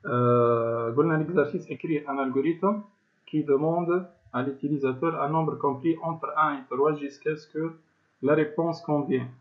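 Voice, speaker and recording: A male teacher with a Tunisian accent, giving an online class and explaining step by step while quizzing the students. His voice comes through a choppy, low-quality online stream. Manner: explains step by step, keeps asking the class questions. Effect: choppy, low-quality online stream audio. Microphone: video call. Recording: tinny low-bandwidth online call audio.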